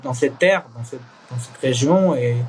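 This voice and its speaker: A young man born in East Jerusalem, speaking in a candid interview, earnest and halting with frequent restarts and fillers. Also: medium pitch, darkish tone, slight background noise. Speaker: Israeli reservist interviewee.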